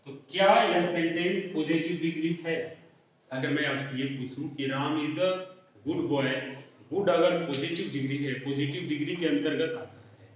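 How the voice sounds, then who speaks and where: Man teaching grammar in an echoey room. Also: a little high. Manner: explains slowly, asks and answers his own questions. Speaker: English teacher. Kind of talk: classroom grammar lesson. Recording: roomy echo, distant lo-fi mic.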